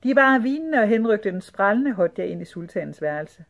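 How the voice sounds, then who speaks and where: Woman narrator, children's audiobook, lively pitch, mid voice. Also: highs cut off. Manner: lively, expressive reading. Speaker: audiobook reader.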